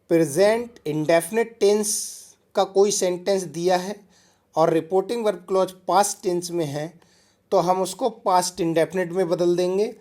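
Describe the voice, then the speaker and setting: A man's voice: high voice, a little mellow. A man teaching a grammar lesson, explaining step by step and speaking to his students directly.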